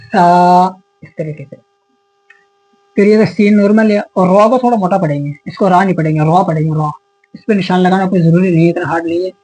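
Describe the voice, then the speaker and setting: A man teaching a beginner's lesson on Arabic letters, sounding each letter slowly and repeating it patiently. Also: sits high, a little mellow, rough recording. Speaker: Quran teacher. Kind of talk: step-by-step alphabet lesson.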